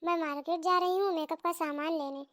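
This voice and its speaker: A woman's voice: extremely high pitch, fairly even intonation, brisk, a bit bright. A woman voicing a defiant young bride in a comedy cartoon, talking pertly in plain standard speech.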